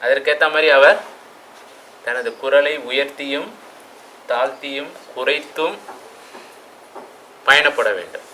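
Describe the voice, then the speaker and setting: Man, lecturer, bright clear voice, reflective, rhetorical questions, faint background hum. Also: medium pitch, slow pace, long pauses, rough recording. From Tamil Nadu. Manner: reflective, with rhetorical questions and sudden loud stresses. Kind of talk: classroom lecture.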